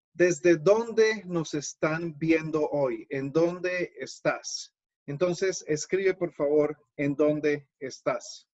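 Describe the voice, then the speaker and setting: A man hosting a live online webinar as a Spanish teacher. He explains patiently and speaks directly to his viewers over a video call. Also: on the high side. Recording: dull lo-fi video-call audio.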